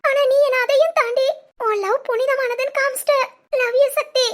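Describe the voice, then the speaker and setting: A voice actor playing an emotional young wife in a cartoon, who talks between sobs and soft pleas. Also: very high-pitched, steady tone, normal speed. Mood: tearful, grateful. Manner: sobbing, clinging pleas. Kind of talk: cartoon voice acting.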